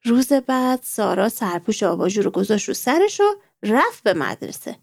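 A woman with a medium-pitched, sing-song, gravelly voice narrates a children's story, warmly turning to her young listeners with friendly questions. She speaks to the children directly, and the recording is dry and clean, with studio sound.

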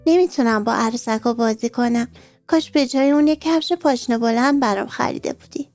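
A woman's voice: a little mellow, faint music behind, natural voice. A woman voicing a little girl who insists she is too old for toys, speaking in a raised childish tone. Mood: protesting. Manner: high, childish and pleading.

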